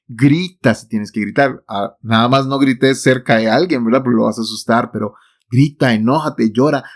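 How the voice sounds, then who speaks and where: A man giving a devotional talk to the listener, emphatic and repeating his key phrases. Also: mid-range voice. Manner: speaks directly to the listener.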